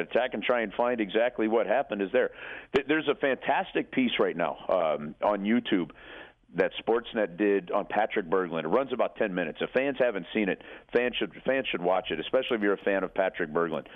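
A man giving emphatic hockey analysis as a radio commentator, calling in over the telephone and repeating words as he explains. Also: medium pitch. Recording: narrow, tinny phone line.

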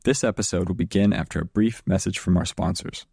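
A man's voice: low voice, brisk, creaky, dark tone, husky. A man reading a scripted introduction as a podcast announcer.

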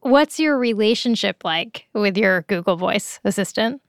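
A woman's voice: mid-range voice, animated, measured pace, no room sound, clean studio sound. A woman host interviewing a listener in a casual, curious way.

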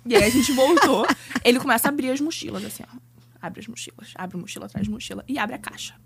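A young Brazilian woman telling travel stories in a casual chat, animated and acting out the people in them. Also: fairly high pitch, fast talker, creaky, noisy background. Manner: animated storyteller, acts out her father's voice.

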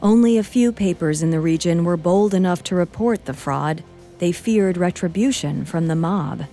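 Woman reading history script, warm dark tone, quiet music in the back. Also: fairly low pitch, normal speed. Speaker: podcast co-host. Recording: faint music bed.

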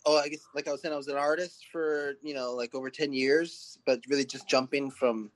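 A man's voice: medium pitch, steady tone, fairly quick, no room sound. A man in his late thirties from San Diego, a podcast guest talking casually with plenty of fillers and restarts. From San Diego, California. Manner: rambling, many fillers and restarts. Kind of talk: casual interview chat.

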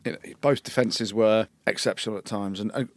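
Male co-host, rapid laughing rugby chat, deep-ish, dry booth sound. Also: no room sound. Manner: animated, laughs often, quick banter. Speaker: podcast co-host.

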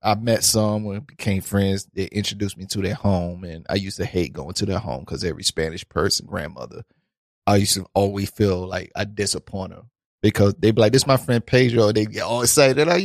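A man with a lowish voice and a laid-back, deadpan way of talking. He chats casually as a comedy podcast guest and slides into improvised scenes. The sound is close and dry. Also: a little fast, no room sound.

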